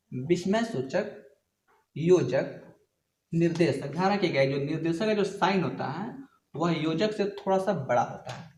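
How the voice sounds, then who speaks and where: A man with a high voice gives a grammar lesson, talking slowly and going back over each point. His voice rings a little in an echoey room. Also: darkish tone. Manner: explains slowly, repeats definitions, addresses viewers as guys. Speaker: Hindi grammar teacher. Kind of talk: classroom-style video lesson.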